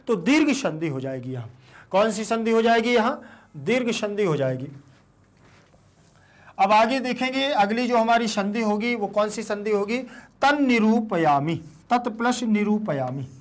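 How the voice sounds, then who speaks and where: A male teacher explaining a lesson step by step, asking questions and answering them himself, and spelling out syllables one by one. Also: high voice. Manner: slow, repeats answers as questions. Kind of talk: classroom explanation.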